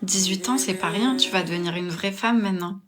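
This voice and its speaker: A woman voicing a tender mother who speaks gently and soothingly to her teenage daughter. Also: mid-range voice, a little fast, natural voice.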